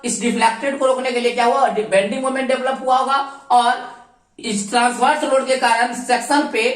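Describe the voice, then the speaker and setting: A woman's voice: a little high, steady tone, a little fast, far from the mic. A woman teacher giving a recorded class lecture, who keeps asking questions and answering them herself and calls her students dear children. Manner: mixes English technical terms into speech. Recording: echoey room, voice from off the mic.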